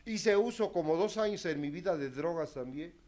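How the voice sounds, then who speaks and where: A man telling his recovery story to a group, candid and self-mocking, his loudness rising and falling sharply. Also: a little high, animated, moderate pace. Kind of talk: testimonial talk to a group.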